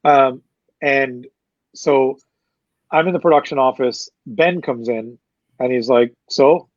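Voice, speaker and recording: A man's voice: mid-range voice, slow, no room sound. Guy promoter telling a story, swears a lot, does everyone's lines, dry kinda muffled audio. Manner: animated anecdote-telling with profanity and quoted dialogue. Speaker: interview guest, concert promoter. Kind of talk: casual storytelling interview.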